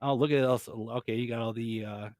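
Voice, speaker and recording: A man's voice: medium pitch, fairly even intonation, brisk, a little mellow, dry recording, clean studio sound. A man co-hosting a casual, mocking chat, reading out listings and laughing often. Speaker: co-host.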